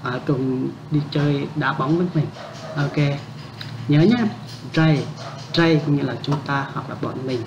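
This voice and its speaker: Guy teaching words slowly, patient, keeps checking you got it, somewhat high voice, muffled lo-fi audio with a faint hiss. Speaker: language teacher. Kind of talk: casual spoken language lesson. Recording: dull lo-fi with faint background noise.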